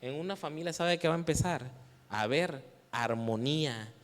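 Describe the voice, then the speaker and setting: A man with a Mexican Spanish accent preaches to young people in a church hall, his voice sitting fairly high. He keeps throwing questions at the audience and waits for them to answer, teasing them along the way. The sound carries a long reverb from the big room. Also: moderate pace. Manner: lively, teasing, playful with the youth. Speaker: youth preacher. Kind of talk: sermon.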